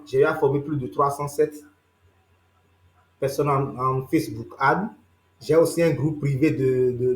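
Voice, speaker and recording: A young man from Benin, with a Beninese French accent, leads an online training session over a video call, checking in with his listeners as he explains. His voice is mid-range and the sound is roomy.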